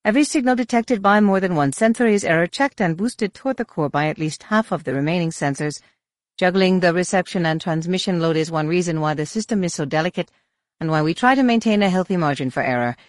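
Woman reading an alien woman commander, flat monotone, dry close sound, storybook. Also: lowish voice, quick pace, no room sound, natural voice. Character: flat-voiced female alien base commander.

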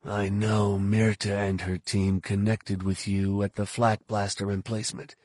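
A man voicing a curt, hardened male bounty hunter in an audiobook, husky and clipped. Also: on the low side, level tone, unhurried, darkish tone, no room sound, studio quality. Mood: grim. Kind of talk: audiobook narration.

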